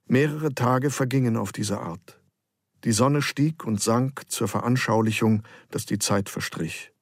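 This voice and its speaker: A male audiobook narrator reads a novel from a script in a calm, measured storytelling manner. His mid-range voice is captured with studio quality in a dry recording.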